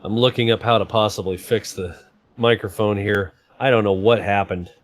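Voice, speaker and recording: A man's voice: fairly low pitch, steady tone, normal speed. A man hosting a casual livestream, joking and laughing often while he rambles about fixing his computer. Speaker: livestream host. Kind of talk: casual stream chat.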